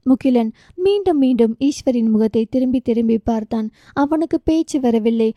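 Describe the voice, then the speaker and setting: A woman's voice: a little high, normal speed, dark tone, no room sound, clean studio sound. A woman narrating a romance novel audiobook, reading with feeling and giving each character their own voice. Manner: emotive, voices dialogue with feeling.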